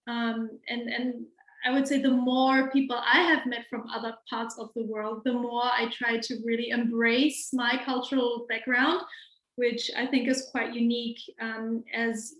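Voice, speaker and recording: A young woman, a guest in a casual interview, speaking thoughtfully with frequent pauses and fillers. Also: on the high side, a bit bright. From Germany. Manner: thoughtful, hesitant with many fillers. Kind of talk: casual conversation. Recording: roomy echo.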